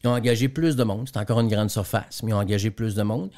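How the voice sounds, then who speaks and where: His voice is lowish and darkish and his pace quick. A Quebec-born trainer and speaker with a Quebec French accent, he illustrates business examples during a radio interview and keeps doubling back on words.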